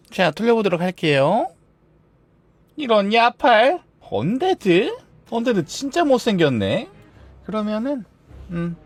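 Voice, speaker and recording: Man, streamer, casual game chat, playful and theatrical, fairly high voice, very lively pitch. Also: no echo. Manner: playful, theatrical, swings between shrieks and mock-stern grumbling.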